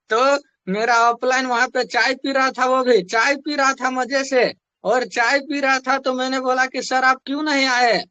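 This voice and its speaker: A man's voice: very high-pitched, level tone, unhurried, bright, forceful tone, clean tone, no room sound. A young man telling a motivational story from his sales work in a chatty way, repeating phrases for emphasis. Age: young adult. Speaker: network marketing distributor.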